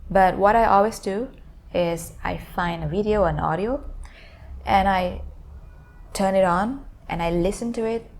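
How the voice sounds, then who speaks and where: A woman's voice: medium pitch, unhurried, darkish tone. A woman hosting a language learning video, explaining pronunciation tips step by step with some hesitations.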